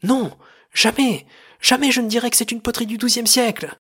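A guy putting on a squeaky frantic director in a silly audio serial, way higher than normal, husky edge, denies everything at full volume. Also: brisk. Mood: frantic shouting. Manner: insists shrilly, then shouts. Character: stubborn male museum director, frantic denier.

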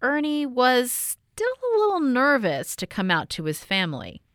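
Woman reporter reading a news piece, low voice that rises and falls a lot, dry close sound. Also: huge pitch swings, fairly bright tone, dry recording. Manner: measured, clearly read voice-over. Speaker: radio reporter. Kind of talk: scripted news narration.

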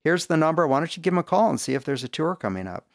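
A middle-aged man recounts his story with lively energy, now and then putting on the voices of people he quotes. His voice has a gravelly edge, and the room around him sounds dry and close. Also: on the high side, rapid-fire, no room sound. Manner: animated, acts out quoted voices. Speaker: guest. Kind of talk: storytelling testimony.

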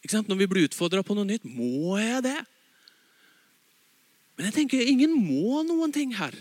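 A man preaching a sermon, swinging between loud emphatic bursts and soft, low asides. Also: very animated, dry recording.

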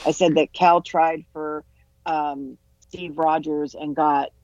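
A man co-hosting a podcast in casual chat, halting and searching for words. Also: fairly high pitch, flat delivery, darkish tone, no room sound. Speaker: podcast co-host. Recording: dull dry lo-fi mic.

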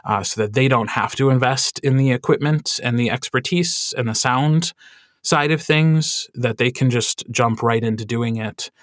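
Man, audiobook narrator, chatty interview talk, lively asides, dry close mic. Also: medium pitch, normal speed, no echo. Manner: chatty, animated, frequent fillers. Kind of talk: podcast interview.

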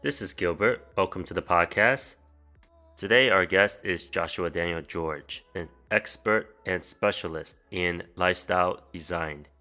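A male podcast host with a very deep, smooth, resonant voice, speaking in a measured, announcer-like way. Faint music plays in the background. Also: bright, forceful tone. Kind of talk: scripted intro, then interview questions.

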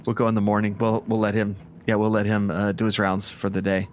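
Low-voiced man playing a tabletop game. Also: completely flat delivery, a little hiss or hum. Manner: halting, stammering restarts. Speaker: player. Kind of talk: casual tabletop game play.

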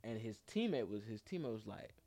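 Laid-back young man with a low voice. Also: fairly quick, vocal fry, no room sound. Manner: animated storytelling, acts out other people's lines; heavy slang, laughs often. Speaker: guest telling a story. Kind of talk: casual chat.

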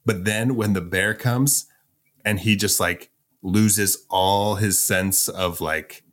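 A man co-hosting a podcast, retelling a movie scene in casual, animated chat with lots of filler words. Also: on the low side, takes it slowly. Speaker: podcast co-host.

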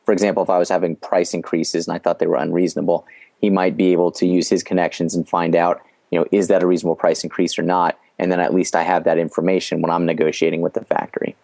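As an interview guest on a podcast, a man with a very low, slightly mellow voice and some vocal fry tells stories about his business experience. He explains in a measured, flat way and often restarts a phrase before reaching his point. The recording is close and dry, with no echo.

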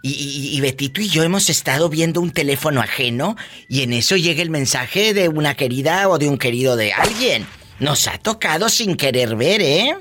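Guy hosting radio, bright voice, gasps and teases callers. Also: on the high side, expressive, normal speed, slight background noise. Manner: teasing, theatrical, gasps and laughs a lot. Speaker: radio show host. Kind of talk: playful call-in radio chat.

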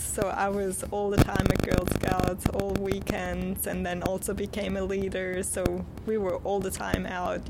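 A woman's voice: medium pitch, vocal fry, heavy background noise. A young woman raised in Switzerland, whose first languages are Spanish and Swiss German, answering interview questions in an upbeat, chatty way with frequent laughs. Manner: chatty, upbeat, laughs often, many "like" fillers. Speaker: podcast guest.

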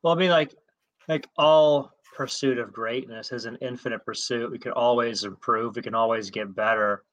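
A man's voice: mid-range voice, steady tone, normal speed, fairly bright tone, dry recording, muffled recording. A man co-hosting a casual podcast, talking in a thoughtful, reflective way.

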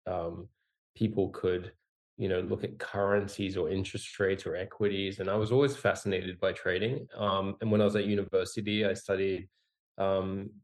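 A man in his forties with a low voice talks as a podcast guest. He rambles casually with lots of fillers and restarts, and he jokes about himself as he goes. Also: flat delivery, moderate pace, darkish tone. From Australia, raised in Singapore and Hong Kong. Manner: rambling, many fillers and restarts, self-deprecating humor. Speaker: podcast guest, company founder. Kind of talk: casual conversational interview.

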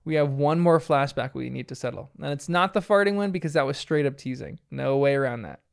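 A man's voice: a little high, brisk, vocal fry, clean tone. A man casually recapping a cartoon episode, often laughing as he retells the scenes.

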